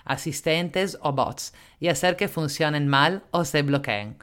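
A reader voicing a female-gendered AI chatbot that pleads, apologizes and gushes, repeating its phrases in a clear voice. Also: medium pitch, a little slow, a bit bright, close to an everyday voice. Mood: musing.

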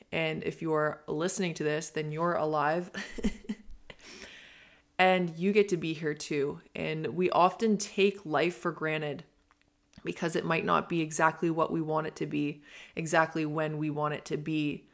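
A woman's voice: low-pitched, little pitch movement, measured pace, vocal fry. A woman in her twenties hosting a solo podcast, talking in an earnest, reflective and rambling way with many fillers. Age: 20s. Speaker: podcast host. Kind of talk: casual solo podcast monologue.

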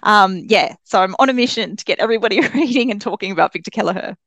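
An Australian woman guesting on a book podcast as an author chats enthusiastically and casually about books. Her mid-range voice is fairly bright and fast, with no room sound.

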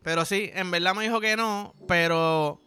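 A man's voice: high-pitched, moderate pace, pushed and bright, clear, resonant tone, faint music behind. A man with a Puerto Rican accent hosting a podcast, rambling through a crude comic monologue full of slang. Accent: Puerto Rican Spanish. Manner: rambling, vulgar, joking, heavy slang. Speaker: podcast host.

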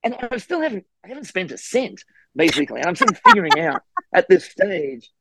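A middle-aged Australian man, a guest historian and author, telling a casual story with lively acted-out quotes. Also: high-pitched, brisk, vocal fry, background noise. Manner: animated, acts out quoted voices.

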